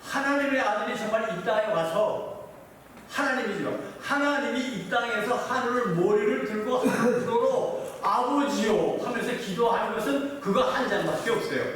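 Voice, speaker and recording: High-voiced pastor preaching in an echoey hall. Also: male voice, moderate pace, a bit bright. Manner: asks the congregation repeated yes-or-no questions. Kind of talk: sermon. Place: church sanctuary. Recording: echoey hall, voice from far off, faint noise.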